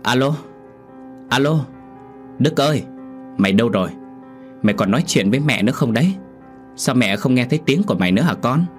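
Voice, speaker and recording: A man's voice: fairly low pitch, lively intonation, moderate pace, faint music behind, natural voice. Nagging older mother, voiced by a man. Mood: fretful. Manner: nagging, chiding. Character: scolding older mother, teasing, pushy.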